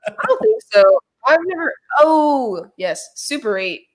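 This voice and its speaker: A woman's voice: sits high, very animated, unhurried. A woman on a casual live-stream panel, easygoing and enthusiastic as she shares her picks.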